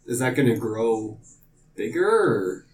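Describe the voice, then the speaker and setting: A man's voice: medium pitch, big pitch swings, slow pace. A man playing a tabletop game, chatting and bantering casually with the other players. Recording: distant mic, clear room noise.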